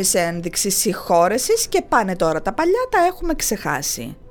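A woman telling comic myths in a chatty, folksy way, talking straight to listeners. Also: mid-range voice. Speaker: storyteller. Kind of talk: comic mythology storytelling.

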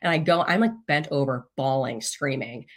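A woman's voice: extremely low pitch, normal speed. Candid, foul-mouthed woman in her thirties. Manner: candid, swears freely, laughs often. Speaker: podcast guest. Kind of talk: casual interview storytelling.

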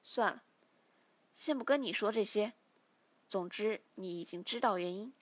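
A woman's voice: mid-range voice, normal speed, lightly acted. A woman voicing a stern, weary middle-aged father who lectures his grown son, in a read-aloud novel. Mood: lecturing.

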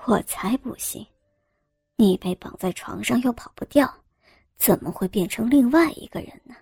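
A woman voicing a teasing young male scholar, speaking low in a breathy half-whisper. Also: lively intonation, moderate pace, a little mellow, no echo, studio quality, exaggerated voice. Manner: sly and teasing. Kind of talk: storybook role-play.

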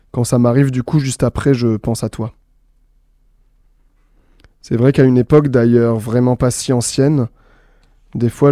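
A man's voice: medium pitch, dry recording, studio quality. A man hosting a reading show, chatting casually with fillers before reading texts and his own poems. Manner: relaxed, hesitant fillers, reading aloud. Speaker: host reading books and poems.

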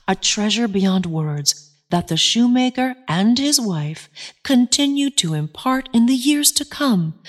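A woman narrates a children's story with animated expression. Her voice is fairly high and swoops widely, and she takes her time with each phrase. Soft music plays underneath.

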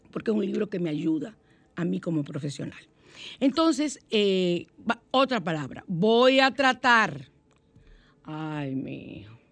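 A middle-aged woman hosting a motivational radio talk, telling stories warmly and acting out the voices she quotes. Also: medium pitch, dry recording. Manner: warm, animated storytelling with acted-out quotes. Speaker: radio show host.

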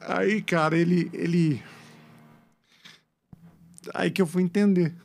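A middle-aged man, a podcast guest telling a story in an animated, slangy way, emotional and close to tears. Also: high voice, slow pace, creaky. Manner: animated, slangy, repeats "cara" and "bicho". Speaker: guest, former competitive swimmer. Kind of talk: casual storytelling.

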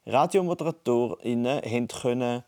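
A man's voice: medium pitch, moderate pace, darkish tone. Man musing over a phone line. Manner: thinks aloud, many restarts and fillers. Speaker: podcast co-host. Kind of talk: casual conversation. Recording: phone call.

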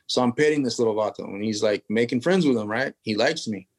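A relaxed man spins a long personal story as an interview guest. His pitch sits in an everyday middle range, and his talk wanders through asides and street slang in an easygoing, rambling way. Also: quick pace. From California. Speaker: tattoo artist guest. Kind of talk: casual storytelling.

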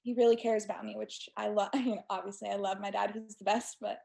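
A woman in her twenties from Texas, a guest telling stories in a chatty, animated way during a casual interview. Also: mid-range voice, quick pace, gravelly. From United States (Texas). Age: 20s.

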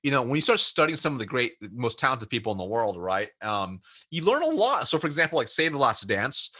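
A man's voice: medium pitch, sing-song, a little fast, pushed and bright. A man telling a workplace story as an interview guest, acting out both sides of the dialogue. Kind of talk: casual storytelling chat.

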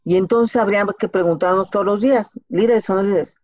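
A medium-pitched, slightly mellow voice that runs a little fast belongs to a Mexican-accented woman giving career advice on a podcast. She answers in a casual, colloquial way, with examples and rhetorical questions, on a recording that sounds slightly dull and lo-fi.

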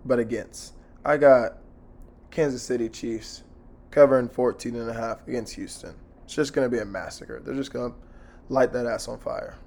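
A hoarse-voiced man hosts a sports betting podcast solo, speaking in a casual, blunt, slangy and sweary way. His medium-pitched delivery holds a fairly even intonation at a moderate pace, with a darkish tone.

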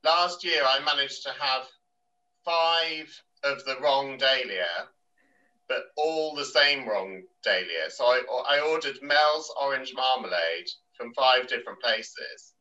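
A man's voice: mid-range voice, slow pace, pushed and bright. A man in casual conversation who speaks hesitantly, often restarting his sentences. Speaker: guest. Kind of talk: casual chat. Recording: distant, dull remote line.

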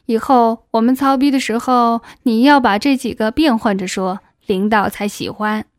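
A woman reading the part of a domineering middle-aged male official in an adult audiobook, in a coaxing, breathy, slightly lowered voice. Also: steady tone, moderate pace, dry recording, studio quality, natural voice. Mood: lewd coaxing.

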